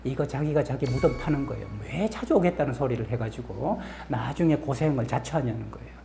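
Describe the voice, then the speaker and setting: A middle-aged man from the region, a professor and counselor, telling stories in a lively lecture style with rhetorical questions and acted-out quotes. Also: medium pitch, brisk, creaky, soft background music. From Gyeongsang region, Korea. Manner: animated, acts out quoted lines, asks rhetorical questions. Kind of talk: storytelling lecture to camera.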